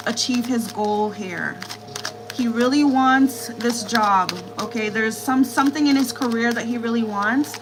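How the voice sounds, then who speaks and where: High-voiced woman giving tarot readings. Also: background noise. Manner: repetitive, reassuring, relays spirit messages. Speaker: tarot reader. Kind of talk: live-stream tarot reading.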